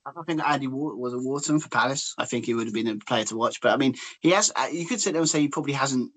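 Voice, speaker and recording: A man rattles through his points at a quick clip, his voice sitting in an ordinary middle register. He rambles and hedges, circling back over his own sentences in a relaxed football debate. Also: mid-range voice. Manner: rambling, piles up restarts and hedges. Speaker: podcast co-host.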